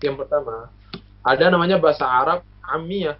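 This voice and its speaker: In a muffled, lo-fi recording, a guest from Lombok, Indonesia, who studied at the university, patiently walks through explanations in casual conversation, hesitating often and giving plenty of examples. He speaks at a moderate pace in a slightly high voice.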